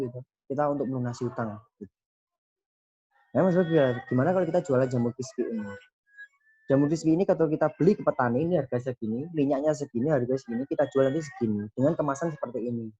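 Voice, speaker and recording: A man's voice: mid-range voice, brisk, dark tone, muffled recording, soft background music. A young man earnestly telling a personal story, often quoting the people he met and ending lines with a short tag. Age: young adult. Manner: earnest, quoting dialogue with frequent "gitu".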